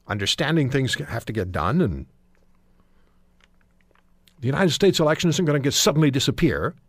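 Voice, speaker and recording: A man's voice: mid-range voice, no room sound. A middle-aged man hosting a talk radio show, making his points firmly and repeating them.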